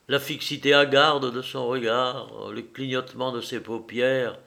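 A man reads a first-person novel aloud as an audiobook narrator. His delivery is measured and expressive, in an ordinary middle pitch. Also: creaky. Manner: measured, expressive literary reading.

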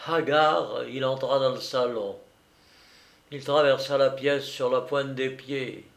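A man's voice: medium pitch, fairly even intonation, slow, creaky. A man narrating a comic story with theatrical delivery, voicing characters with sudden outbursts. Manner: theatrical, voices characters with shouts and sudden bursts.

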